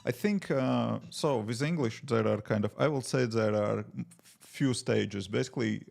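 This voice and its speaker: Livestreaming his coding from a home desk, an app developer from Latvia speaks English with his native accent in a relaxed, chatty way. His medium-pitched voice is unhurried and darkish, with vocal fry, and he thinks aloud, filling gaps with many fillers.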